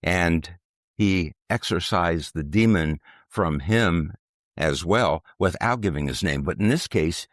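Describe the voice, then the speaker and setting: A man co-teaching scripture in conversation outdoors, speaking in a measured, deliberate way and slipping in dry puns. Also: low voice, animated, dry recording. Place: outdoors at ancient hilltop ruins.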